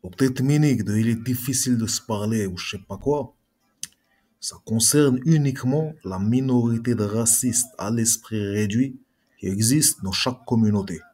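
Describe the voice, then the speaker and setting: A man's voice: medium pitch, normal speed, darkish tone, husky. A man giving an argumentative reply monologue to a video blogger, speaking combatively and straight at his critic. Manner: combative, addresses critic directly.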